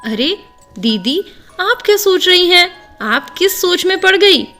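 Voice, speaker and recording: A woman voicing a cheerful younger sister-in-law who teases and calms her elder, in a doll-play story. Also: extremely high pitch, slow, faint music behind, exaggerated voice. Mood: teasing. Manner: teasing, reassuring.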